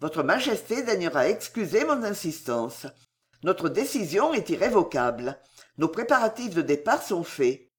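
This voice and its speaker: A woman's voice: lowish voice, very animated, moderate pace. A woman voicing a cold, scheming female royal confidante in a read-aloud historical novel, icy and cuttingly polite.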